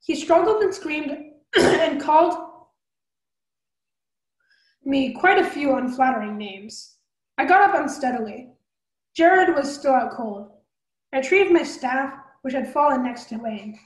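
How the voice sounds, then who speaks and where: High-voiced woman reading a novel. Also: animated, reverberant, rough recording. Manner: brisk with small slips and restarts. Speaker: storyteller.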